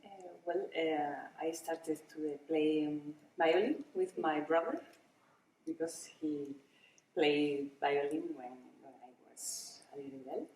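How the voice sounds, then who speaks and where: A woman cellist answering an interview question hesitantly and softly, with many fillers. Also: deep voice, slow pace, a little hiss or hum. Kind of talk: conference interview. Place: busy conference venue. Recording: roomy, distant, with crowd murmur.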